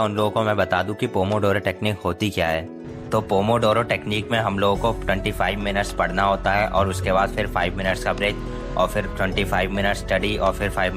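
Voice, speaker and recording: A young man narrating his study vlog casually, explaining each step in Hindi mixed with English words. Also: sits low. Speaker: student vlogger. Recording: voice-over with clear background music.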